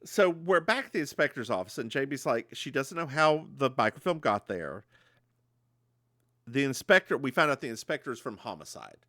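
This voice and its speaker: A man with a mid-range voice, speaking at normal speed, co-hosts a podcast and casually recaps a TV episode. An animated storyteller, he slips into voices whenever he quotes characters. The studio-quality sound has no room echo.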